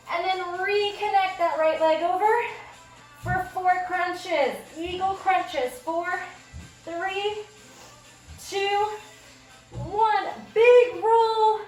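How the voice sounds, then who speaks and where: A woman's voice: high-pitched, a bit bright. Breathless woman cueing a workout. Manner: short upbeat exercise cues. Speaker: fitness instructor. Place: small workout space. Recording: echoey room, distant mic, background music.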